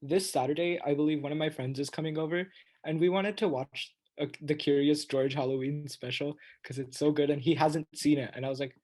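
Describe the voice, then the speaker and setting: A man's voice: fairly high pitch, steady tone, brisk, darkish tone. A young man, co-hosting a casual chat in an earnest way, often restarting his sentences. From Indian family, living in America. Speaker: podcast co-host.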